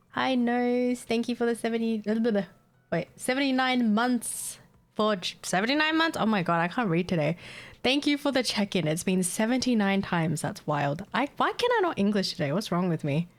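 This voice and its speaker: A tired, giggly woman game streamer from Australia, whose first language is Vietnamese, chats casually during a live gaming stream. Scatterbrained, she reads chat aloud in a slightly high, animated voice at a moderate pace.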